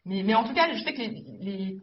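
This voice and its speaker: A woman from Metz joins a podcast as a guest and rattles through her story quickly and animatedly. Her voice sits mid-range. She is a little far from the mic, and the sound is somewhat dull. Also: medium pitch, lively intonation. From Metz, France. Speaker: guest, property investor. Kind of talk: interview conversation.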